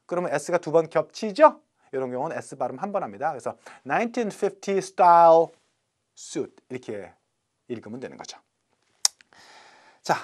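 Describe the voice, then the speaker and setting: A middle-aged man gives an English vocabulary lecture with a lively, swinging pitch. He is chatty and playful, and he stretches each English word out slowly. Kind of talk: recorded classroom lecture.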